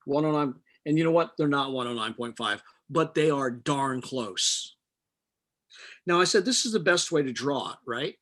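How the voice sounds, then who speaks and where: A man's voice: medium pitch, lively intonation, normal speed, fairly bright tone. A middle-aged man teaching a chemistry class, explaining step by step with patient jokes. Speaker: chemistry instructor. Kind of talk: live online chemistry lecture.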